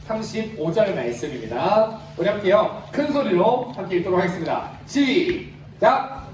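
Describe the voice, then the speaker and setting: High-voiced man preaching in an echoey hall. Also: expressive, a little fast, a little mellow. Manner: asks the crowd questions and leads them in reading aloud. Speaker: evangelist preaching to a youth group. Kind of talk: interactive sermon. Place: large hall at a youth summer retreat. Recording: very echoey hall, mic far off.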